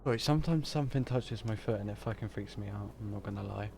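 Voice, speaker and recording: A man's voice: lowish voice, quick pace, vocal fry, a little mellow, slight background noise. A man casually commentating on his own gameplay, rambling, sweary and easily distracted. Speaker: streamer. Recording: game music playing underneath.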